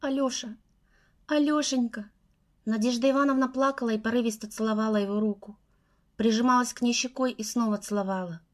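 A woman reads a first-person novel aloud for an audiobook. Her storytelling is measured and earnest, with a slightly higher voice. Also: fairly even intonation. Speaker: audiobook narrator.

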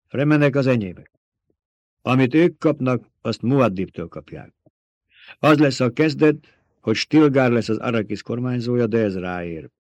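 A man's voice: mid-range voice, dry recording, dull audio, voice pushed up, natural voice. A man reading as a cold young desert ruler. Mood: commanding. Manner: measured, calmly dictating terms. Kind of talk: audiobook reading.

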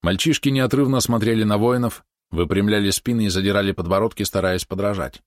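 Low-voiced male audiobook narrator. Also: a little fast, dry recording, clean studio sound. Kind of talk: scripted narration.

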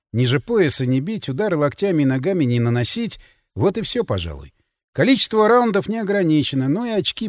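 A man narrating first-person fiction in an expressive, dramatic reading. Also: high-pitched, no room sound, studio quality. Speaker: audiobook narrator.

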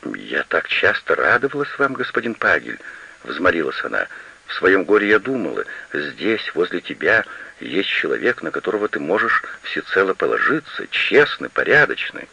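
A man's voice: low voice, big pitch swings, moderate pace, gravelly, pushed and bright, breathy edge, exaggerated voice. Man voicing a demanding, imperious noblewoman. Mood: pleading. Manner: insistent and demanding. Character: proud, pleading, imperious woman estate owner. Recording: slightly lo-fi recording.

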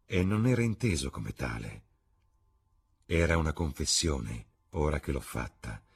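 An earnest, melancholy painter with a low, husky voice and a rueful way of speaking, as a male reader gives him voice. He comes across as a grown man pleading gently in an audiobook. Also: big pitch swings, measured pace, heavily acted.

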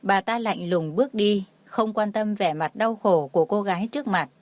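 A woman's voice: medium pitch, moderate pace, no room sound. Dry-voiced woman narrating a drama story. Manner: reads all the figures herself, barely changing her voice. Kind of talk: scripted narration.

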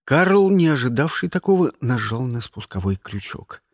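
An expressive audiobook reader narrating a first-person story. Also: medium pitch, moderate pace, background noise. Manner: lively, expressive reading.

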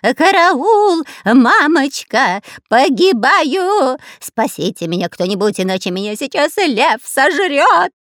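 A woman's voice: high voice, very animated, takes it slowly, hardly any pauses, a bit bright, no echo, clean studio sound, pitched above the performer's own voice, exaggerated voice. A woman reading a storybook aloud and voicing a cowardly, whining male pirate spy who panics and stammers. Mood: panicked. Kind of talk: audiobook character voice.

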